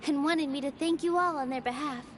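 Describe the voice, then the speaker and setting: A woman voicing a gentle young game hostess. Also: sits high, fairly quick, crowd noise, close to an everyday voice. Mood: welcoming. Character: gentle young female game character hosting a feast. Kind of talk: game voice acting. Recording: game audio with music.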